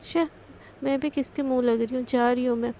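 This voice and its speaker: A sassy, teasing young office girl, voiced by a woman telling the story. The voice sits high with a gravelly fry, dark in tone, over a faint background hum. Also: steady tone. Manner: sassy, quick comebacks.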